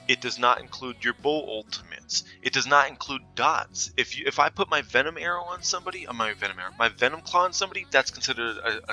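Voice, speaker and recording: A man casually walking through a game character build, chatty and loose, full of fillers and quick self-corrections. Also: mid-range voice, sharp tone, poor audio. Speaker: gaming content creator.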